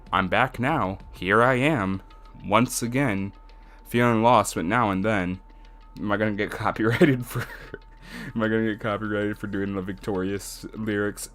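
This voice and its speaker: Low-voiced man with a sick voice, chatting. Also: fairly bright tone. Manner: rambling, chatty, laughs often. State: getting over a sickness. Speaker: let's play streamer. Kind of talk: casual game commentary. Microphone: desk mic, close.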